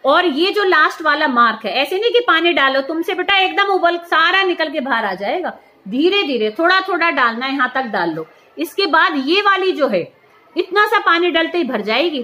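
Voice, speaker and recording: A woman teacher's high, sharp voice echoes clearly around a school chemistry lab as she demonstrates a procedure step by step. She's patient, frequently making sure her students are keeping up.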